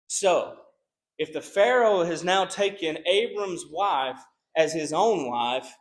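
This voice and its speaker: Earnest preaching man, slightly high voice. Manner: earnest preaching with repeated restarts. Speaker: pastor. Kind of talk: sermon.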